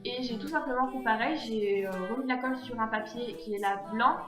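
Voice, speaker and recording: A woman's voice: fairly high pitch, brisk. A woman narrating her DIY craft tutorial in a voice-over, hesitant and full of fillers and self-corrections. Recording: echoey room with background music. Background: guitar music.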